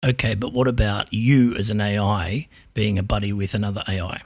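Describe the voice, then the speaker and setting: Low-voiced male podcast host, dry sound. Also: brisk, husky, no echo. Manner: relaxed, probing, with frequent ums. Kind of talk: casual tech podcast chat.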